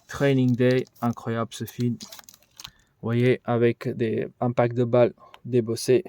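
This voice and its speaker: A man's voice: mid-range voice, completely flat delivery, unhurried, dark tone. A man giving a casual vlog tour of his collection, rambling and thinking aloud with many fillers. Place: indoors in a collection room.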